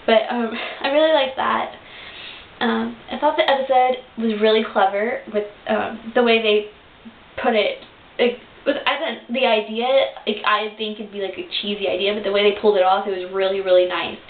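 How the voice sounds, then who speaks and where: A woman's voice: medium pitch, fairly even intonation, normal speed. A young woman gushing about a cartoon episode in a casual fan review, with lots of fillers and restarts. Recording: tinny lo-fi webcam audio in an echoey room with hiss.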